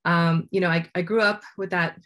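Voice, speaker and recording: A woman from Maryland, an author speaking on a video call in an earnest, reflective way with gentle hesitations. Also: fairly low pitch, fairly even intonation, normal speed. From United States (Maryland). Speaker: author guest. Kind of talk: casual talk over a video call.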